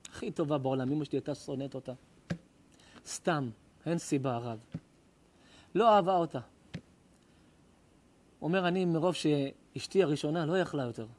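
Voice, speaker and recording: Impassioned rabbi preaching, high-pitched man. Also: long pauses. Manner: impassioned, swings between loud cries and hushed tones. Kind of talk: emotional sermon with storytelling. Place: live lecture before an audience.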